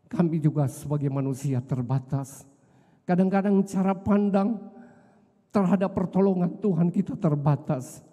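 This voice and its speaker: A middle-aged man preaches with a high-pitched, dark and mellow tone. His sermon swings from fervent raised lines to hushed, low confessions. The recording carries the long reverb of a church hall. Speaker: pastor.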